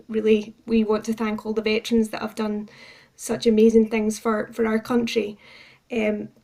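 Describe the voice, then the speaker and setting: A woman with a fairly high-pitched but dark-toned voice appears as a guest on a radio interview. She's a charity campaigns manager, and she explains things informatively in an earnest, appreciative manner.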